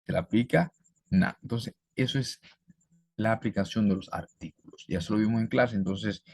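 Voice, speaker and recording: Guy teaching a language class, low raspy voice, says the example words over and over slow, dry close sound. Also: a little mellow, no echo. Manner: repeats and spells out example words slowly. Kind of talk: classroom-style explanation.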